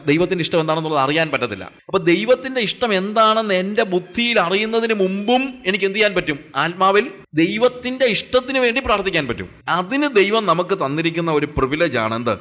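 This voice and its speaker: A man's voice: sits high, a bit bright. A man from preaching a Bible teaching sermon, asking rhetorical questions and mixing in English phrases. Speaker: evangelist.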